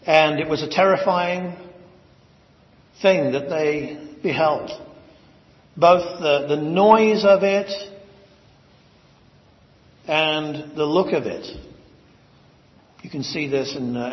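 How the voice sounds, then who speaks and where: A man delivers a sermon in a fairly high voice, unhurried and measured. His stressed words climb upward. The recording is dull and lo-fi, with a long hall reverb trailing each phrase. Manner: slow, deliberate, with rising emphatic stresses. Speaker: preacher. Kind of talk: expository sermon.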